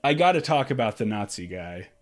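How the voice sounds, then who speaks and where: A man's voice: lowish voice, sing-song, fairly quick. A man co-hosting a podcast, ranting profanely and scornfully about a movie in casual chat. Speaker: podcast co-host.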